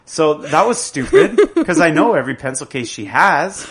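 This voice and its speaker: A man's voice: a little high, big pitch swings, moderate pace, a crowd in the background. A man, chatting casually and telling stories animatedly, with plenty of swearing. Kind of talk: casual chat.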